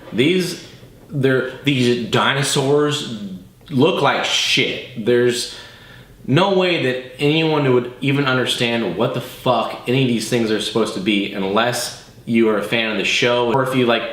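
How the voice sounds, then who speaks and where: Guy doing a casual movie review, swears a ton, slangy excited fan, echoey room. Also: medium pitch. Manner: profane, slangy fan enthusiasm. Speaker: co-host of a movie review show.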